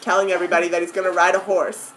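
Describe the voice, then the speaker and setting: A woman's voice: on the low side, level tone, rapid-fire, a bit bright, slight background noise, low-quality recording. A young woman casually telling a friend about her dream on camera, giggly and easily sidetracked, filling her talk with "like" and "anyways". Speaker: vlogger. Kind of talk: casual rambling story to a friend. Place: indoor room with friends.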